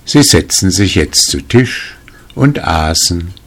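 A male storyteller reading a folk tale aloud with a deep, low voice. He takes his time, calm and measured, with an unhurried, steady delivery.

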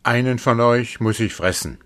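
A greedy, gullible fairy-tale wolf barks his orders in a raised, strained voice, as a man puts him on. Each line comes out loud and bossy, pitched well above the storyteller's own deep tone. It is a storybook reading. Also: normal speed, lightly acted. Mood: demanding. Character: boastful hungry male wolf, gullible.

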